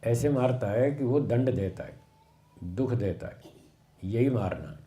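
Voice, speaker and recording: A man giving a sermon on scripture, slow and explanatory, repeating phrases for emphasis. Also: medium pitch, expressive, warm tone. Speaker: swami giving a Vedic discourse.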